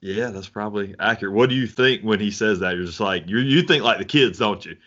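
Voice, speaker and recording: A man's voice: fairly low pitch, fairly quick, a bit bright. A young man co-hosting a podcast, rambling casually with lots of fillers. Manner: rambling, many "like"s, laughs easily. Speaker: podcast co-host, coach. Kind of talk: casual chat. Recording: dull lo-fi audio.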